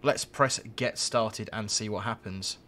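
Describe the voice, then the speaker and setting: A train driver who hosts live streams chats to viewers during a game session, jokey and rambling as he comments on the gameplay. His voice is fairly low, sharp in tone and unhurried.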